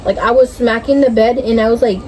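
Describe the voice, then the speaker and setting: Young woman, kinda high soft mellow voice, rambling hazy puzzled dream recap, swears a lot, bit of room noise. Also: brisk. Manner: hazy, puzzled recounting, losing the thread and groping for words; frequent casual swearing. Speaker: vlogger telling a story. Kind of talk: casual storytime chat about dreams.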